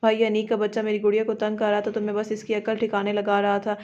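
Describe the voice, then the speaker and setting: Brief: woman narrator doing a joking young brother in an audio novel, even tone, lo-fi sound. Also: mid-range voice, fast talker, natural voice. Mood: teasing. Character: playful teasing young man, cheerful brother. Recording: dull lo-fi audio.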